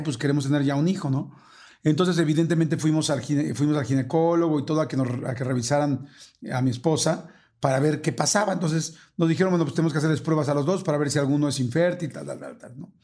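A man in his forties with a Mexican accent, hosting a casual podcast and telling a personal story with animated, acted-out dialogue. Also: a little high, fast. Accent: Mexican Spanish. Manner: animated, acts out dialogue in quoted voices. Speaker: podcast host.

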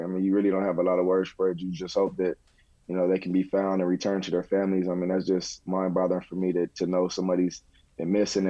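A man chatting casually as a podcast contributor, halting and repeating words in a laid-back way. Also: sits low, mellow, dry recording, lo-fi sound. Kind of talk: casual chat.

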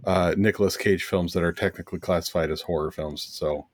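Wry, deadpan man on a dry mic. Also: sits low, brisk, no echo. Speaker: podcast co-host. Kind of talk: casual chat.

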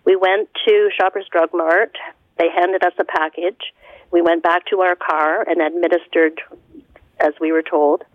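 A woman in her seventies calling in to a radio show, halting and frustrated. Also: on the low side, flat delivery, no echo. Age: 70s. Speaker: caller. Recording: tinny phone line.

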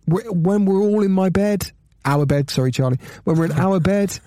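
A man's voice: high voice, moderate pace, mellow, dry recording, clean studio sound. A British man in his thirties chatting casually and anecdotally as a podcast co-host. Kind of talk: casual chat.

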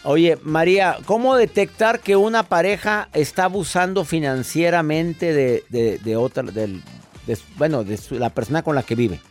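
A male radio host, playful and teasing, often cutting in on his guests. His voice sits a little high for a man. Faint music plays behind him in the studio. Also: moderate pace. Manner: teasing, jokey, talks over others. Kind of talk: playful radio call-in chat.

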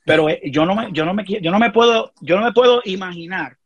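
A middle-aged man with a Puerto Rican accent speaks in a husky, fairly high voice, recorded close and dry. He talks as a guest in casual conversation, telling a personal story earnestly and keeps checking that the listener follows. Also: brisk, no room sound, muffled recording. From Puerto Rico.

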